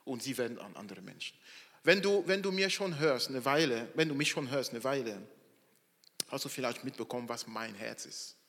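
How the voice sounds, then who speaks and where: A man preaching a sermon as the church's pastor, swinging from loud emphatic lines to quiet asides. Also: medium pitch, animated, moderate pace. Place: church hall. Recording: long hall reverb.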